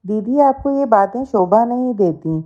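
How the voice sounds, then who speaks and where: A woman's voice: fairly high pitch, lively intonation, measured pace, dark tone, lo-fi sound. A woman voicing a sly young daughter-in-law who steals and blames others, in a storybook reading. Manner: sly, accusing.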